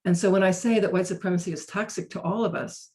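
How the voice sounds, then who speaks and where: Woman, sixties, guest speaker; earnest, halting storyteller on a video call. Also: mid-range voice, fairly even intonation, mellow. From North Carolina. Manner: earnest storytelling with frequent restarts. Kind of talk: webinar talk.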